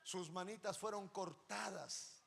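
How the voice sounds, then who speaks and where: A man preaching a sermon as pastor, impassioned, moving between loud emphasis and hushed storytelling. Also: high-pitched, takes it slowly, creaky. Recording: long reverb of a large hall.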